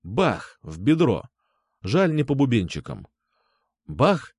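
A man narrating a first-person crime audiobook with a dramatic, expressive reading. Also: medium pitch, slow pace, slightly rough, dry recording, studio quality.

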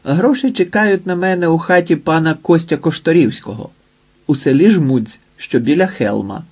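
A man's voice: on the high side, animated, moderate pace, darkish tone, husky, pitched above the performer's own voice. A man voicing a bold, cocky young giant of a man who bargains coolly and brashly, in an audiobook. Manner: brash, cool-headed bargaining.

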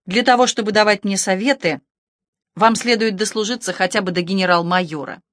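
A woman's voice: mid-range voice, fairly quick, fairly bright tone, dry recording, natural voice. Haughty rich lady, talks down to cops, all sarcasm, a woman reading her out, dry close sound. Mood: imperious, sarcastic. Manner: sarcastic, imperious. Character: haughty sharp-tongued rich Moscow woman.

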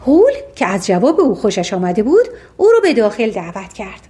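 A woman's voice: medium pitch, wildly swooping pitch, dark tone. A woman narrating a fairy tale audiobook, reading expressively and voicing the characters herself.

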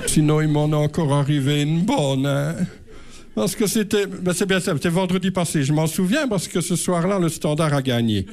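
A man's voice: fairly high pitch, moderate pace, darkish tone. A middle-aged man telling a rambling, self-mocking comic story on stage. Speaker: comedian. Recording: live show with audience laughter.

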